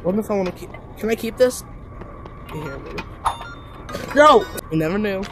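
A man's voice: high voice, lively intonation, brisk, gravelly, noisy background. A young man giving casual, joking gameplay commentary full of slang. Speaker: gamer.

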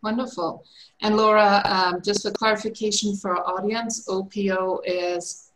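A woman's voice: mid-range voice, steady tone, moderate pace, a bit bright, rough recording. A woman moderating a panel over a video call, introducing guests with encouragement and thanks. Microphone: computer mic on video call.

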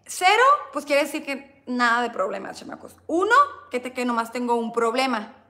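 A woman's voice: sits high, a bit bright. A woman with a Mexican accent who chats playfully with her viewers on a livestream while reading aloud from an old diary. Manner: chatty, playful, calls viewers "chamacos" and "bebé". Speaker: YouTuber hosting a livestream.

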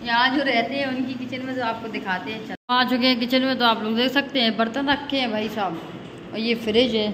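A young woman talks casually to her viewers, pitched a little high. She is recorded on a phone in a hostel room, and the clip carries steady background noise. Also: brisk. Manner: chatty, talking to viewers. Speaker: vlogger. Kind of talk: casual vlog narration. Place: hostel room and kitchen, indoors.

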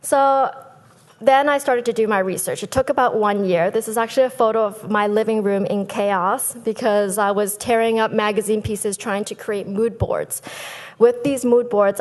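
Woman, 30s, business founder giving a prepared conference speech, animated, lectern mics, reverberant hall. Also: medium pitch. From Thailand. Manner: lively, gestures with both hands, speaks from a lectern. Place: large conference hall stage. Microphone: lectern microphones.

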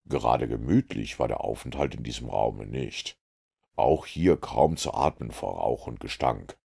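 A man reading an audiobook aloud in the first person, measured and self-assured. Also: very deep voice, creaky, mellow, slightly rough. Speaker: audiobook narrator.

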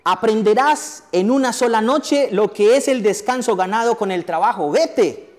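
A man's voice: sits high, close to an everyday voice. A man voicing stern female guard bees who firmly send someone away. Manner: stern, firm, slow. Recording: echoey hall, faint music.

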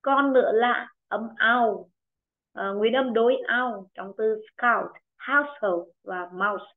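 A woman English teacher speaking with a Vietnamese accent, her voice pitched a little high. She coaxes students along and repeats words slowly for them to copy. The sound is narrow and tinny, like an online call. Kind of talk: online pronunciation lesson. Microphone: video call. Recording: tinny phone-like video call audio.

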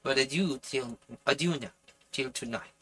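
Man performing a storybook harpooner, French accent, determined, impatient, urgent, sharp bright tone, mid pitch. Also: normal speed, natural voice. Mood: defiant. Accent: put-on French. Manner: urgent, resolute. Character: determined, impatient Canadian harpooner plotting escape. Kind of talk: audiobook character voice.

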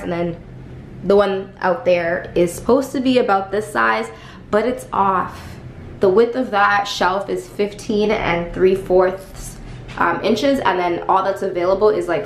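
Recorded in a small, echoey room at home with faint household ambience and slight hiss or hum, a young woman vlogs in a chatty, emphatic way and swears now and then. She is a lifestyle vlogger with a medium-pitched voice.

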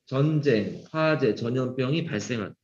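A man's voice: medium pitch, expressive, moderate pace, a little mellow. A man teaching an English grammar class to middle school students, quizzing them by name and teasing them with jokes. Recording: dull lo-fi sound.

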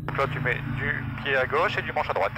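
A man's voice: medium pitch, a little fast. A man with a French accent from France coaches casually and reassuringly through a headset in a small aircraft, over wind and engine noise. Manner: reassuring, encouraging. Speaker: flight instructor. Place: small autogyro cockpit in flight. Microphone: aviation headset. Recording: very loud engine and wind roar.

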